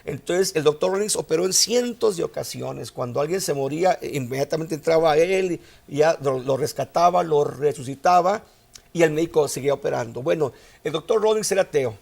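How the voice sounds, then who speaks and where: Gravelly preacher man. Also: a little high, animated, a little fast, a little mellow. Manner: storytelling preacher, rising to emphatic outbursts. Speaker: pastor. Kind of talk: sermon.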